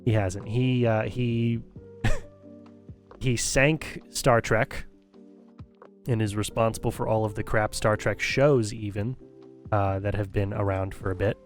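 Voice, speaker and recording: A man's voice: lowish voice, steady tone, slow pace, pauses often. A man delivers a critical, opinionated rant in the loose style of a live stream. He repeats and restarts phrases as he thinks aloud. Faint background music plays behind his voice. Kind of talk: casual livestream commentary.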